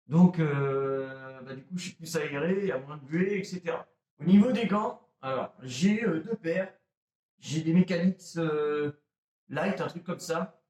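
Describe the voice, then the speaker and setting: A man's voice: a little high, measured pace, darkish tone. A man casually showing his airsoft gear to viewers, chatty and self-mocking, talking straight to the audience. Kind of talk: casual gear show-and-tell. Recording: roomy echo, mic a bit far off.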